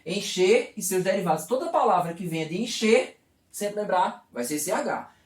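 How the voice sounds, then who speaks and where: Lively male teacher in an echoey room. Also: sits high, moderate pace, recorded from a distance. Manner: explains step by step, asks and answers his own questions. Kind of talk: video lesson.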